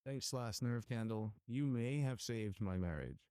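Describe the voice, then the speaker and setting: A man giving a deadpan comedic testimonial in a spoof infomercial. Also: medium pitch, a little slow, no room sound, clean studio sound.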